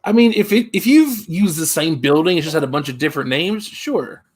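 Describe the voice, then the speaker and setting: A man's voice: fairly high pitch, lively intonation, fairly quick, husky. A man co-hosting a casual sports talk show, making dry joking asides. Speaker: podcast co-host.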